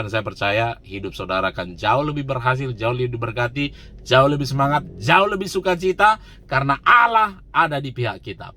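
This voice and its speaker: A man, a pastor, preaching a sermon in an emphatic, conversational way, repeating words for emphasis and swinging between urgent and quiet delivery. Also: mid-range voice.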